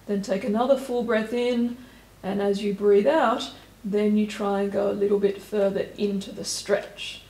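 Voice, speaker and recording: A woman stretching instructor giving calm, step-by-step cues and counting down holds. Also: mid-range voice, normal speed, hardly any pauses, reverberant, low-quality recording. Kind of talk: guided exercise instruction.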